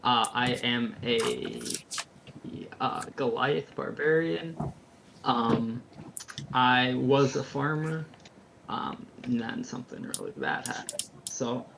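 Slow gravelly guy, lots of ums, noisy background. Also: mid-range voice, animated. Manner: halting with many ums. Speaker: player. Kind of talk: casual chat.

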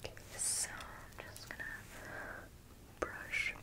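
A woman whispering close to the mic as a beautician, softly repeating words while she works. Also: slow. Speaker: beautician in a roleplay. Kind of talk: ASMR roleplay.

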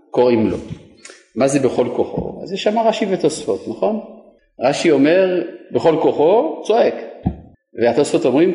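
In a reverberant, echoing room, a rabbi leads a Torah class, asking his students questions and supplying the answers on his own. His voice is warm and pitched fairly high.

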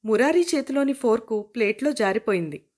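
A woman reads a novel aloud as an audiobook narrator. Her voice sits a little high, and she tells the story in a lively, storytelling way. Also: fairly quick.

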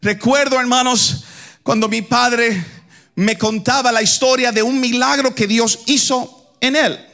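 A man from the Dominican Republic delivers a fervent sermon in a strikingly high, bright and ringing voice. He swings between shouted lines and sing-song chanting, and he keeps turning to the congregation as his brothers. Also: steady tone, measured pace. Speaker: preacher. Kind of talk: preaching sermon.

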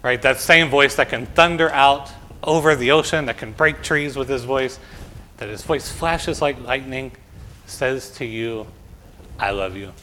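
A male pastor reading scripture and giving a gentle children's message, asking questions and often adding "right?". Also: medium pitch, steady tone, a little slow, a little hiss or hum. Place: church sanctuary.

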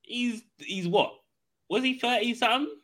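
A man's voice: very high-pitched, normal speed, a bit bright. A man with a London roadman accent chatting casually about football, slangy, dismissive and repeating himself. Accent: London, urban street slang.

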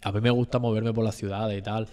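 A young man from southern Spain with an Andalusian accent, telling a story as a guest in a relaxed, slang-heavy chat. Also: fairly low pitch, fast. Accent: Andalusian Spanish. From Almería, Spain. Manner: slangy, animated storytelling, full of street fillers. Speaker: rapper and freestyle battler, guest.

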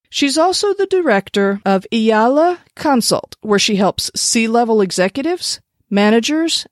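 A woman's voice: on the high side, dry recording, clean studio sound. A woman hosting a coaching podcast, introducing her guest and asking questions in an upbeat, enthusiastic way. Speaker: podcast host. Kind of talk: scripted intro then casual interview.

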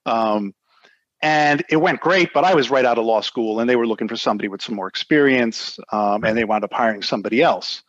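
In a dry, lo-fi recording, a middle-aged music industry lawyer with an American accent talks fairly quickly at a medium, slightly bright pitch. As an interview guest in a casual, reminiscing chat, he wanders off track and leans heavily on "you know."

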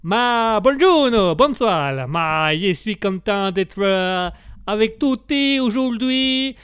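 A man puts on a chatty Italian man who makes pasta. He speaks in a thick put-on Italian accent with a smooth, slightly high voice, slow and halting, and leans on "ma" between phrases. The sound is close and dry. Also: expressive, a bit bright, no echo, exaggerated voice. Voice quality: slow and halting, fills gaps with "ma".

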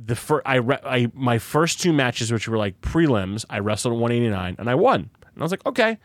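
A young adult man in casual podcast chat, telling stories in an animated way and acting out the voices of people he quotes. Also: medium pitch, a little fast, dry recording, studio quality.

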